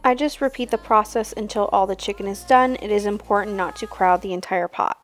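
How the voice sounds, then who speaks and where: A woman's voice: medium pitch, brisk, faint music behind. Young woman narrating a home cooking vlog. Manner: relaxed, step-by-step explaining. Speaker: cooking channel host. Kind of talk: casual cooking voice-over.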